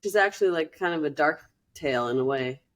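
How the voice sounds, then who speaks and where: Curious woman co-host, lowish voice. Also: animated, fast talker. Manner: curious, sympathetic, asks questions. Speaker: podcast co-host. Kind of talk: casual podcast chat.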